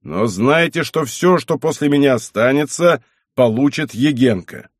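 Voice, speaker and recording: A man reading an audiobook, voicing a hot-tempered, domineering old abbot who blusters and shouts. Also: mid-range voice, animated, dry recording, studio quality. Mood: stern. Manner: blustering, shouting, quick to anger.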